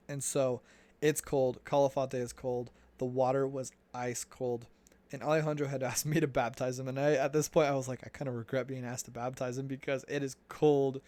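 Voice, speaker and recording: Young guy rambling through a story, lots of um and like, pretty flat voice. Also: medium pitch, no room sound. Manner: relaxed, chatty, with many fillers and restarts. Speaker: returned missionary storyteller. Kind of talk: casual storytelling.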